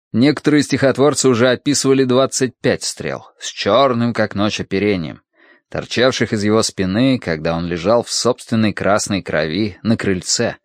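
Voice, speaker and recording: Telling the story in a steady, measured way, a man with a fairly low pitch reads scripted audiobook narration. The recording is dry and of studio quality.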